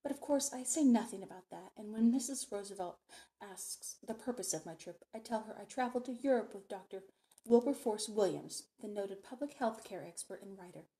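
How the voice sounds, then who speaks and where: A woman librarian reads a novel chapter aloud. Her narration is measured and expressive, in a mid-range voice. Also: medium pitch. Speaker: librarian reading a book chapter. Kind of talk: book reading aloud.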